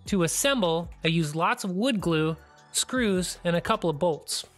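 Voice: medium pitch, animated, measured pace, fairly bright tone, faint music behind. A DIY channel host giving a plain, practical, step-by-step tutorial voice-over.

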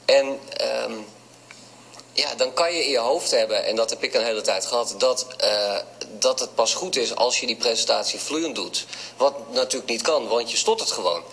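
A man's voice: medium pitch, moderate pace, vocal fry, fairly bright tone, rough recording. A man who stutters answering radio interview questions, hesitant and reflective, with sound repetitions. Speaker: interview guest.

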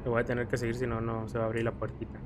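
Over video game music and a noisy background, a man with a Mexican accent races through casual, joking commentary on a playthrough in a mid-range, monotone voice. He makes gaming videos and tosses out playful exclamations.

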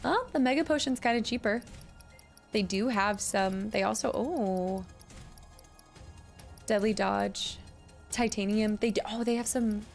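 A woman's voice: medium pitch, a little slow, vocal fry, long pauses, soft background music. A young adult woman streamer giving casual, chatty game commentary and thinking aloud in a room at home. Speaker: gaming streamer. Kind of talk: casual let's play commentary.

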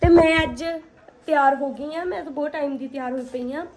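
A woman's voice: sits high, brisk. A woman chats casually to viewers in a phone vlog. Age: 20s. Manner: chatty, addresses viewers as "guys". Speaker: vlogger. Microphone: phone at arm's length. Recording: loud music over phone vlog audio.

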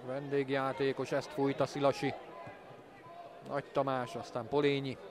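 A man giving measured live commentary on a football match. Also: mid-range voice, level tone. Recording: crowd noise from stadium. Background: stadium crowd.

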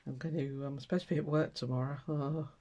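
Speaking quickly in a low, warm voice with fairly even intonation, an older English craft host with a stuffy, cold-ridden nose chats to her viewers while packing sewing kits. The overhead camera at her indoor table shows only her hands, and she's chatty and self-mocking as she works. The recording has its high frequencies cut off.

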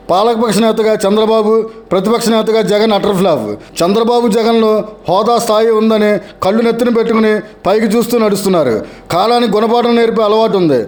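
Guy doing sarcastic political commentary, fast and high-pitched, mocking taunts. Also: a little mellow. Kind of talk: scripted political commentary narration.

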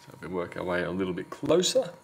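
Speaking fast in a deep, gravelly, sing-song voice, a man guides viewers through a hands-on repair at his indoor workbench. He keeps it casual and matter-of-fact, step by step, over slight background noise.

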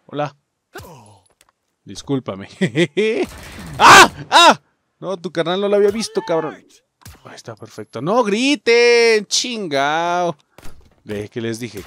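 A man with a Mexican accent commenting casually on a video game, joking, swearing, and talking to his viewers. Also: medium pitch. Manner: profane, joking, talks to viewers as "muchachos". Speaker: gaming YouTuber. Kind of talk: casual let's play commentary.

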